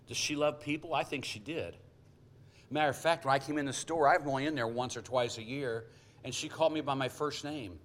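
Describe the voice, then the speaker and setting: A middle-aged male pastor preaching a sermon, telling folksy stories with jokey asides. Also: mid-range voice.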